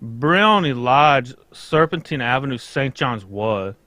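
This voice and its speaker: In a live-read old-time radio mystery, a man plays an anxious, pompous foreign king, earnest and formal, speaking stilted English without articles. His medium-pitched voice is expressive, slow, bright and forceful. There is no room sound.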